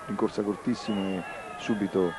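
A middle-aged man with a fairly low voice offers analytical football commentary. He explains things in a reflective, conversational way over clear outdoor stadium noise. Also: steady tone, moderate pace.

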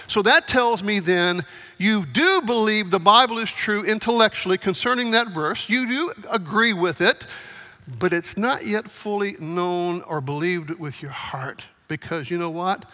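Bright-voiced male pastor preaching. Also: sits high. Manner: conversational, asks the congregation for raised hands. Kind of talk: sermon. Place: church sanctuary. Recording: long church hall reverb.

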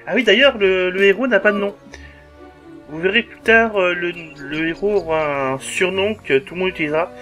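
A man's voice: high-pitched, normal speed, a bit bright, highs cut off, soft background music. A man giving casual let's-play commentary over a game, jokey and crude, swearing often and humming along.

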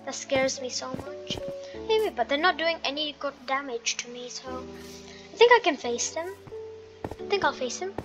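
High-voiced woman chatting over gameplay. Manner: chatty, excitable, quick to apologize. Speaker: gaming video host. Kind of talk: casual game commentary. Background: game music.

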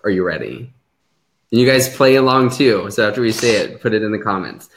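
A man's voice: on the low side, lively intonation, a little fast, a little hiss or hum, poor audio. A man hosting a casual live stream, playful and laughing often. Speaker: host.

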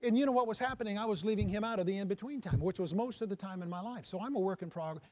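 A man's voice: sits high, racing, a little mellow. A man teaching a class, repeating phrases for emphasis, asking students questions and dropping to a near whisper on key points. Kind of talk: classroom lecture with faith-based teaching.

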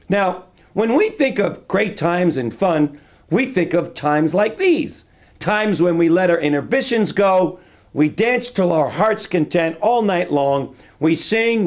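Upbeat motivational coach guy, 50s, bouncy lively voice, study with bookshelves. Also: a little high. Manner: upbeat, animated, gesturing. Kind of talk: motivational talk to camera.

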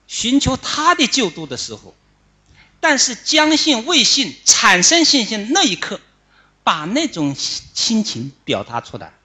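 A middle-aged man, a Buddhist monk, giving an animated dharma talk that explains how to chant, pausing often on "ah" fillers. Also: sits high, slightly rough.

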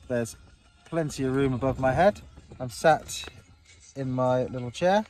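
A man in his forties chatting to a close-held phone camera from inside a small tent on open moorland, rambling and upbeat with lots of ums. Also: on the high side. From England. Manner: rambling, filler-heavy, upbeat. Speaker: wild camping vlogger. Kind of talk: casual vlog talk to camera.

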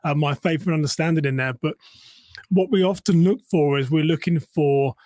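A man's voice: on the high side, normal speed, darkish tone, no room sound. A man hosting a podcast, asking long reflective questions with some light joking. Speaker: podcast host. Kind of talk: casual interview chat.

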